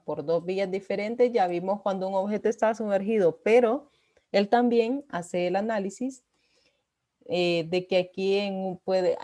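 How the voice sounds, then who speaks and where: A woman's voice: medium pitch, mellow. A woman teaching a physics class, explaining patiently with frequent "eh" fillers and "¿verdad?" checks. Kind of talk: recorded online class lecture.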